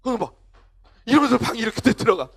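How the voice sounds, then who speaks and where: Very high-voiced, lively male preacher. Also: fast, gravelly, slightly rough. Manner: animated storytelling, acting out scenes. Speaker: pastor. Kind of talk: sermon to children.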